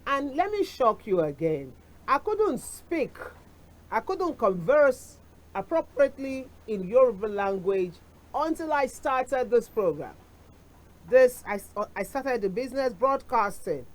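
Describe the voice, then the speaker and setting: This talk show host is a middle-aged woman with a Nigerian accent, talking chattily to camera, tossing in asides and Yoruba expressions. Her pitch is fairly high and she sounds very animated while keeping a measured pace. The recording is rough.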